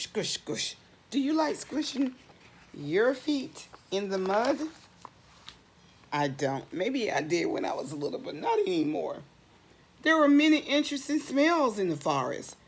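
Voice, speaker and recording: This medium-pitched middle-aged woman is a children's storybook reader and teacher leading a read-aloud for little ones. She poses questions with expression, answers them, and draws out and repeats words to stress them.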